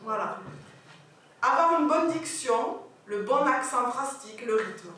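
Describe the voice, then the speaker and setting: A woman French teacher giving an animated lecture on pronunciation, checking in with her audience as she goes. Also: sits high, a little slow. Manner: animated, corrects pronunciation, asks the audience questions. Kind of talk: lively classroom lecture. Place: lecture hall. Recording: echoey hall from far off, faint hiss.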